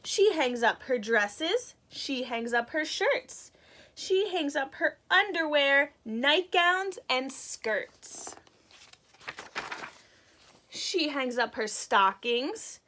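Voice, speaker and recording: A woman reads a picture book aloud to small children, lively and expressive, stopping now and then to explain words in simple terms the way a teacher would. Her voice sits high.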